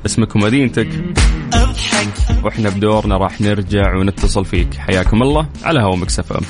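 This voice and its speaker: Loud music plays under this Saudi-accented radio host, whose voice runs on the low side. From the studio he runs a call-in quiz, teasing callers playfully and rattling through quick countdowns.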